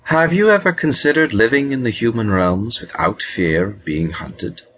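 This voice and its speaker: A man doing a calm, rich-voiced wizard. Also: medium pitch, normal speed, a little hiss or hum, voice pushed up, lightly acted. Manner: calm, courteous, flattering. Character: calm, scholarly male wizard. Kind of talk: audiobook character reading.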